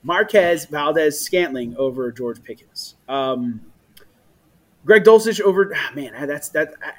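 Casual male co-host, a touch higher in pitch, quick to laugh, trips over names. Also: lively intonation. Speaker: fantasy football podcast co-host. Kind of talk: casual chat.

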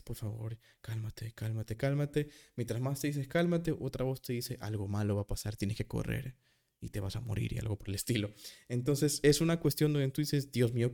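A man's voice: mid-range voice, dark tone. A man hosting a casual solo psychology podcast, talking through examples, often stopping to rephrase himself. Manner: rambling, self-correcting, with examples; self-described nervous.

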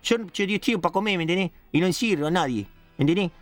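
A man's voice: high-pitched, very fast, faint music behind, natural voice. A man playing a drunk, foul-mouthed old petty thief with an Argentine accent, rambling and hurling insults on a radio comedy show. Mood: boasting. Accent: Argentine Spanish. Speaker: comic character on a radio show.

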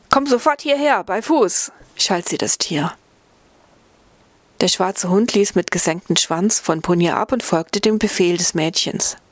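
A woman narrating a fairy-tale audiobook in a gentle storytelling way, lifting her voice slightly for the characters. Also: no room sound. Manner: gentle storytelling, voicing characters with small pitch shifts.

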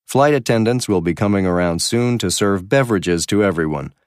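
A courteous male airline captain played by an actor addresses passengers in a fairly low voice. The announcement is formal and carefully enunciated, recorded very dry with no room sound. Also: animated, a little fast, no room sound, lightly acted. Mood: courteous, informative. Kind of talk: scripted announcement.

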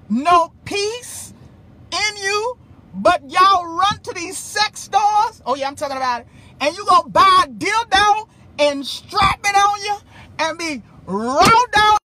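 A woman hosting a live stream, talking in an animated way with preachy asides and frequent laughter. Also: very high voice, measured pace. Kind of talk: casual live-stream talk. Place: hot room in Las Vegas. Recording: noisy live-stream audio.

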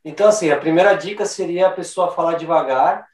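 A man's voice: a little high, quick pace, darkish tone. A man guest in a casual conversation, explaining his points thoughtfully. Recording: roomy sound from a distant mic.

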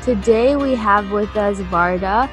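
A woman hosting an interview show, upbeat and encouraging, often filling pauses with "um" and "mm-hmm". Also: medium pitch, fairly bright tone, faint music behind. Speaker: podcast host. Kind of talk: casual interview.

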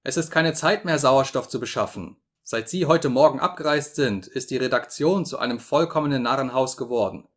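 A man's voice: mid-range voice, a little fast, few pauses, a bit bright, lightly acted. A man voicing a frantic newspaper editor on the phone. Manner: frantic, pleading, fading to a whisper. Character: panicked male newspaper editor on the telephone.

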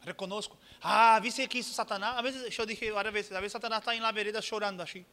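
A man preaching a sermon as pastor, joking asides and forceful exhortation. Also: high-pitched, fairly even intonation, quick pace, long reverb tail.

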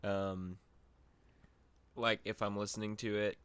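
A man with a fairly low voice speaks very slowly and thoughtfully, full of little fillers, in a casual podcast chat. His voice sounds dry and close to the mic. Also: level tone, fairly bright tone, smooth, dry recording. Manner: slow, reflective, many fillers like "like" and "um". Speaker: podcast co-host.

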